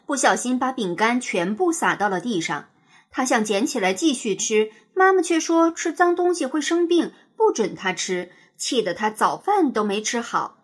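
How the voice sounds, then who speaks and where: A woman narrates a children's picture book in an expressive, sing-song way. Her voice sits fairly high with a husky, breathy texture. Her pitch swoops and bounces lively through each line. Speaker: storyteller.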